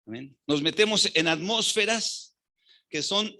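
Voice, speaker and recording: A man's voice: high-pitched, a little slow, sharp tone. A man with a Mexican accent preaching a sermon as pastor, fervent and often asking the congregation rhetorical questions.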